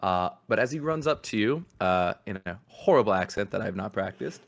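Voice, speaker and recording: A man narrating a tabletop game as game master, rambling in a relaxed way with lots of fillers. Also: on the low side, a little fast, creaky.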